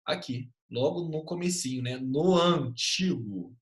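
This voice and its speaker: A man teaching an online class in a lively way, often checking in with quick tag questions. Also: on the high side, echoey room.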